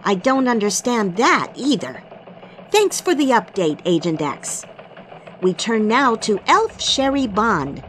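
A woman's voice: medium pitch, very animated, slow pace, a bit bright, slight background noise. A woman playing an earnest Christmas elf who anchors a scripted radio newscast. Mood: puzzled. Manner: earnest, newsreader delivery. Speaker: news anchor.

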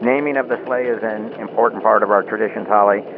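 A man's voice: fairly low pitch, fairly even intonation, fast. Man playing a tinny-sounding Christmas elf field reporter. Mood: earnest. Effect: radio link filter. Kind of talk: mock live radio news report. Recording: tinny phone-like radio link, very noisy.

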